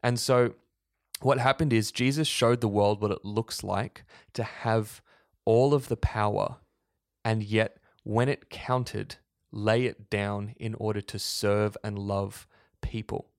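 A man with a fairly low voice co-hosts a faith discussion podcast, laying out his points in an earnest, preachy way. The sound is dry and close. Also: steady tone, takes it slowly, no echo. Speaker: podcast co-host.

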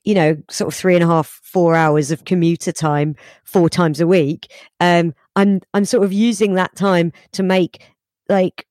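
A woman's voice: on the low side, steady tone, a little slow, darkish tone, no room sound, studio quality. A woman comedian chatting casually as a podcast guest, wry and self-deprecating. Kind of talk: casual chat.

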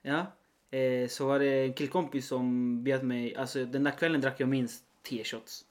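A young man from Chile co-hosting a casual podcast chat, telling stories with lots of laughter and acted-out quotes. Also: mid-range voice. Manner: laughs often, animated storytelling with acted-out quotes. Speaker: podcast co-host.

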